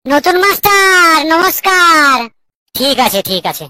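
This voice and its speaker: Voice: extremely high pitch, big pitch swings, measured pace, sharp tone, slight background noise, heavily acted. A voice actor playing an incredulous new male schoolmaster in a cartoon, correcting everyone's English. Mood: exasperated. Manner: exasperated, incredulous. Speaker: new teacher.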